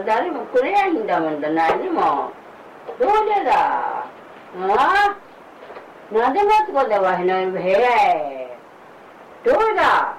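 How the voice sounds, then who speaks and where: Querulous older woman, wildly swooping pitch. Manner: querulous, scolding, repetitive. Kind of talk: agitated complaining in casual home talk. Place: indoor room at home. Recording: distant mic, faint background noise.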